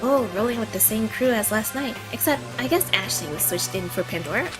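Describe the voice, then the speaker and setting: A woman's voice: on the high side, lively intonation, fairly quick, music in the background, low-quality recording. A woman casually reading a visual novel aloud in character, with playful asides.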